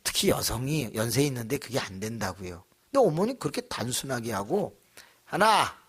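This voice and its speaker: A man's voice: medium pitch, sing-song, fairly quick, slightly rough. A man pastor preaching a sermon in a church, telling a story animatedly and acting out voices.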